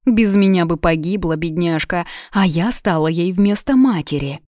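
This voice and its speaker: A woman's voice: fairly low pitch, moderate pace, mellow, no room sound, studio quality, natural voice. A woman voicing an older village healer-witch who begs and sobs before a king, in a storybook reading. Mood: tearful. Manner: tearful, begging.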